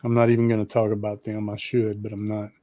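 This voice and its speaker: On a live streamed talk show, a podcast host with a lowish voice talks briskly and casually. He swears freely and rambles excitably while fumbling with his streaming setup.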